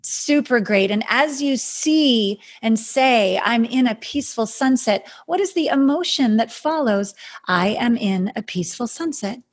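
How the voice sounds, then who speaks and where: A woman with an airy, breathy voice coaching a guided meditation in a mystical healer's manner, with soothing, incantatory prompts. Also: a little high, lively intonation, unhurried. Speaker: guide leading an emotional healing exercise.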